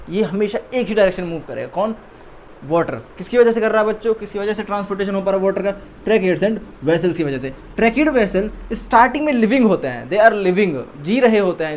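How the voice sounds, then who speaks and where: A man's voice: sits high, darkish tone, slight background noise. A young Indian man teaching a science lesson to students, who repeats key terms and keeps quizzing the listener with questions. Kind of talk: classroom lecture to students.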